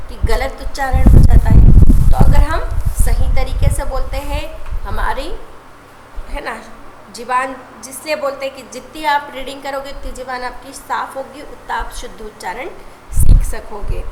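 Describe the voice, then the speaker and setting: A high-pitched woman teacher talks slowly through a lesson, explaining patiently and checking in with short tag questions. The room sounds echoey, and a steady background noise runs behind her. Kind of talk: online class lesson.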